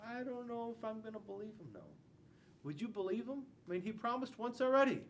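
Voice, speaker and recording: An American school resource police officer in his forties reads a children's picture book aloud dramatically and fairly quickly, asking the listening children questions. He's in an indoor school classroom, recorded by a camera a few feet away, with noticeable room noise and a low rumble.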